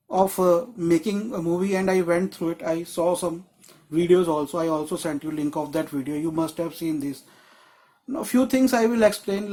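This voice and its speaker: This man teaches screenwriting live online via video call, his voice high-pitched and a bit mellow. He explains things in a meandering way, frequently starting over.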